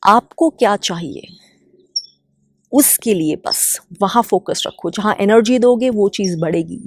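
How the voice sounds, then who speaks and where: A woman's voice: medium pitch, unhurried, slight background noise. A woman from India who hosts an inner-healing channel, giving a spontaneous, earnest self-help talk and repeating phrases for emphasis.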